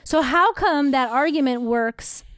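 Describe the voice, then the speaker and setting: A woman chatting casually on a podcast, animated and full of "like" fillers, acting out quotes as she talks. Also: sits high, no echo, clean studio sound. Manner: animated, quick asides with acted quotes; frequent fillers like "like". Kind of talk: casual conversation.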